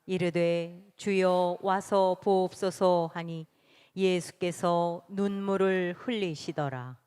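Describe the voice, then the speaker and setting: A woman reading a scripture passage aloud in church, measured and solemn. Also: lowish voice, steady tone, darkish tone, clear, resonant tone. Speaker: scripture reader. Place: church sanctuary. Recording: long church reverb.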